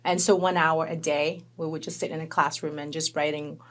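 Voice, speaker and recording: A woman raised in Hong Kong tells her story as a guest in a conversational interview. Her voice is deep and brisk, and her storytelling is lively and animated.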